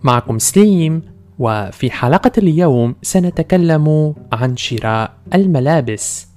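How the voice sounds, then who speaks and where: Male podcast teacher, formal Standard Arabic, slow and clearly deliberate delivery, mellow tone, scripted lesson read. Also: fairly high pitch, animated, faint music behind. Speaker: podcast host and language teacher. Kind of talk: scripted language-lesson narration, Arabic and English.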